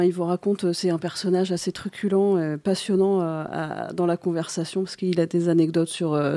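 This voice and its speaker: Chatty woman reporter with a mellow, dry voice. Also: fairly low pitch, dry recording. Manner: lively storyteller, many fillers. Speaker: senior reporter, Italy specialist. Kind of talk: casual discussion.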